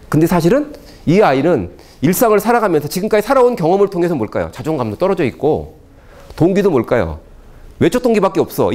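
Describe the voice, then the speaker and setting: Animated quick-talking male lecturer. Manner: asks the audience rhetorical questions constantly; animated, swooping pitch. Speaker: parenting lecturer. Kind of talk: public lecture to parents.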